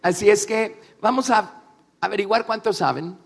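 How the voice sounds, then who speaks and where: A man interpreting a religious talk aloud, phrase by phrase, with measured emphasis. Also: high-pitched, creaky. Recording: echoey hall, long reverb.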